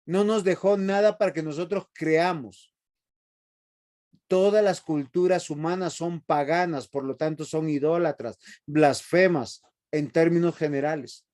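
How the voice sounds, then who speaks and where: A man's voice: fairly high pitch, a little slow, darkish tone. Emphatic man teaching Bible. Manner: emphatic, asks the class rhetorical questions. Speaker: seminary teacher and pastor. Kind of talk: bible class lecture.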